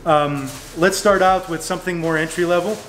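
A man's voice: fairly high pitch, fairly even intonation, normal speed, a bit bright, slight background noise, rough recording. A young man hosting a casual product interview in a store, guiding and recapping points. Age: young adult. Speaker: host. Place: bowling shoe store, indoors.

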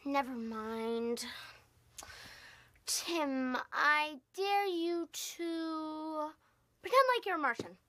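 A woman's voice: high voice, expressive, a little slow, a bit bright. A young actress playing an eager teenage girl with a crush, pleading and insistent. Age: teens. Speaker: Tina.

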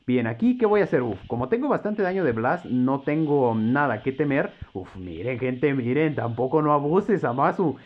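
A man's voice: mid-range voice, normal speed, few pauses, highs cut off. A man commentating his own mobile game match, joking and swearing at the opponent. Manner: excitable, swears and jokes at opponent. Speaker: gameplay commentator. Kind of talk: live mobile gameplay commentary.

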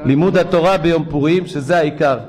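A man's voice: on the high side, faint music behind. A man, a rabbi, giving a sermon in a synagogue, telling stories and voicing the people in them. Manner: animated storytelling, acting out voices; rises to loud exhortation.

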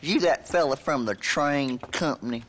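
An actor playing a surly, hostile small-town deputy with a coarse, sneering in a western video game. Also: male voice, mid-range voice, slow pace, a bit bright, slight background noise.

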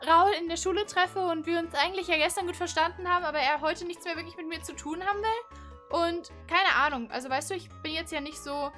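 A woman voices herself in a casual game role-play, with a very high and bright, sharp voice. She is chatty and excitable and often restarts her sentences. Faint music plays behind her. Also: a little fast. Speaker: YouTuber role-playing in a game.

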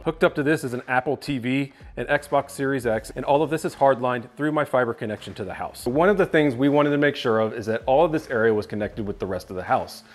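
A guy in his 30s, a tech reviewer, does a chatty, upbeat house-tour vlog of his basement rooms indoors, speaking at a mid pitch. He walks and gestures while talking to camera, using a clip-on lapel mic.

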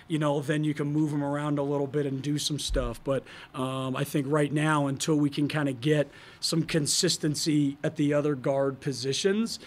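A man in his thirties, a head coach at a post-game press table, talks in a somewhat raised pitch. He answers in a candid, measured way, restarting sentences and leaning on fillers. His voice is close on a table microphone. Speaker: college basketball head coach. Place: press conference room, in front of a sponsor backdrop.

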